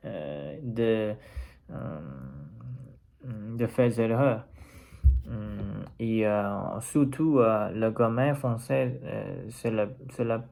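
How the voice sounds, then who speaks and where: Speaking low, with a creaky and slightly mellow voice, a Chinese man improvises his personal vlog. As a Mandarin native and language learner, he has a Chinese accent and halts while trying to find the right words.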